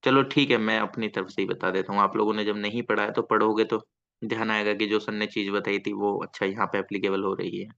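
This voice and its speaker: A man's voice: lowish voice, fairly even intonation, brisk, gravelly, fairly bright tone. A male teacher giving a classroom lecture, often asking the students questions and repeating himself to coax answers. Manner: asks students questions, coaxing and repetitive. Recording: slightly dull lo-fi sound.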